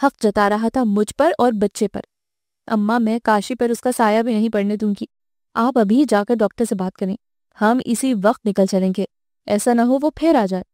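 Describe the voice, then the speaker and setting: Bitter young wife, voiced by the woman reader; mellow, dry, slightly high voice. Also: dry recording, natural voice. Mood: pleading. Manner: cold, cutting. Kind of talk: audiobook character voice.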